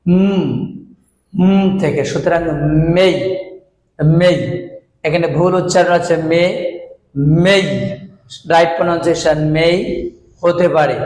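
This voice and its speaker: A man with a Bangladeshi Bengali accent gives an English pronunciation lesson. He says each word again and again in a slow, drawn-out way for students to copy. His voice sits a little high and stays fairly flat, and the room gives it a strong echo. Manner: repeats words slowly and drawn out for drill. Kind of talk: online lecture.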